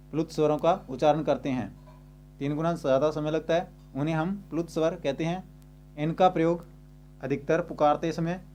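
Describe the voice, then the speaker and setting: In a slightly mellow, higher-pitched voice, a man teaches a grammar lesson step by step. He repeats and rephrases his points slowly, and there's a little hiss or hum on the recording.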